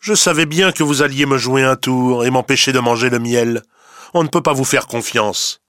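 A man's voice: sing-song, moderate pace, sharp tone, dry recording, clean studio sound, full character voice. A man doing a sly scheming fox. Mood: mocking. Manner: honeyed, mocking, sometimes hissing low. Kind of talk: storybook reading.

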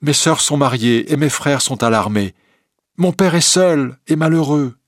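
A man voicing a kind, honest young woman in a storybook reading, speaking softly and sincerely. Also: lowish voice, unhurried, dry recording, clean studio sound. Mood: pleading.

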